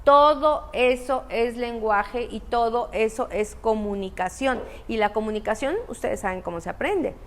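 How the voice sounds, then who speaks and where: A woman speaks to an audience about parenting. Her voice sits high, and a gravelly fry runs under her words. She keeps asking the room questions and answering them herself. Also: measured pace, hardly any pauses. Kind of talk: talk to an audience.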